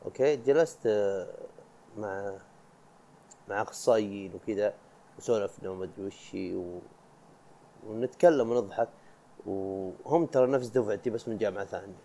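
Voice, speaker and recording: A young man from talks fast in a casual solo podcast. His voice is warm and dark, never sharp. He rambles, cuts himself off mid-word and laughs along the way. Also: lowish voice, slight background noise. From Saudi Arabia. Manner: chatty, rambling, self-interrupting, laughs often. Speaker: podcast host.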